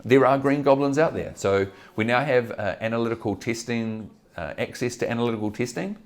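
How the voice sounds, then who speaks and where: A man's voice: medium pitch, fairly quick. A man with a New Zealand accent chatting casually in an interview in an informal, blunt, slangy way. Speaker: political candidate and cannabis advocate being interviewed.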